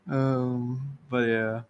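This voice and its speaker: A Taiwanese-accented man who lives in Ireland co-hosts a stream, chatting casually, rambling through anecdotes and laughing often. His voice is medium in pitch, with a little hiss or hum in the audio.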